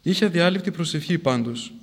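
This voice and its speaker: A man's voice: fairly high pitch, animated, slightly rough. A man giving a sermon, moving between plain storytelling and emphatic, formal recitation. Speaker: preacher. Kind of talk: sermon retelling a saint's life.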